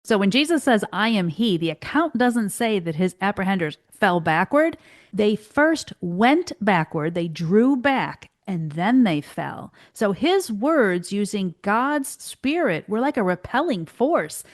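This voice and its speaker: Woman on a bible study podcast, thoughtful, asks questions, mid pitch. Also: very animated, measured pace. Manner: reflective, poses questions. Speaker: podcast co-host.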